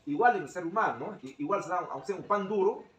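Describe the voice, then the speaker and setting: Man, teacher, slightly high voice, explanatory, roomy echo, faint background noise. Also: animated, fast, fairly bright tone, recorded from a distance. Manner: explanatory, often ends phrases with a tag question. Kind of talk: speaking up in a teacher training session.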